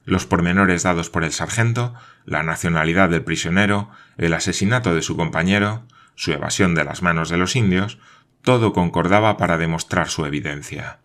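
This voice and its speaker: A man narrating a novel as an audiobook, reading in a measured, even way. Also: sits low.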